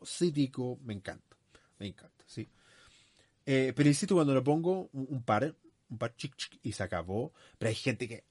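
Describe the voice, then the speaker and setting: A man's voice: medium pitch, darkish tone, no room sound. Chatty man giving sales tips. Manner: chatty, frequent fillers and asides to "amigo". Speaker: podcast host. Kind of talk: casual advice talk on sales.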